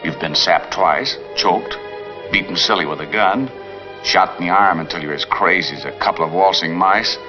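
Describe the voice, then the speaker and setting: A wry, hard-boiled private eye, as an actor plays him narrates in clipped tough-guy lines, his voice very low. It comes from an old, dull film soundtrack with music underneath. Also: normal speed, natural voice. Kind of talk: 1940s film noir voice-over.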